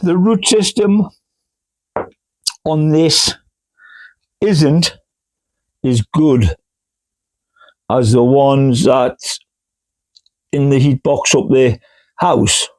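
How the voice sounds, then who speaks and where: A man's voice: mid-range voice, drawn-out words, long pauses, a little mellow. A man chats casually as host while potting plants indoors, rambling and homely, with hiccups. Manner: rambling, homely, full of fillers. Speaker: gardening channel host. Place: indoors in a cool grow room.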